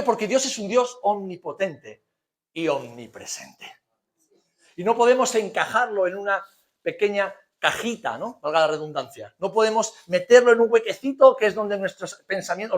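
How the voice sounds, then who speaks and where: A pastor from Spain preaches a conversational sermon, leaning on rhetorical questions, emphatic repetition and colloquial humour. His voice sits high, and he speaks with a Spanish accent from Spain.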